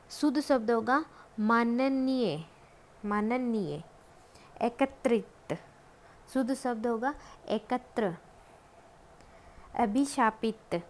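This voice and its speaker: A woman with a fairly high voice teaches a spelling lesson at a very slow, careful pace, often pausing on drawn-out hesitations. Her delivery is patient and methodical. A faint hiss sits under the recording. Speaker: Hindi grammar teacher.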